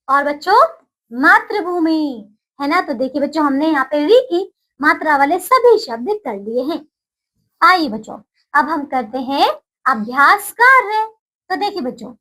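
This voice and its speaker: A woman teaching a Hindi lesson to young children, slow and sing-song, stretching each new word with a lift in her voice. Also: extremely high pitch, fairly bright tone, poor audio. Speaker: primary school Hindi teacher.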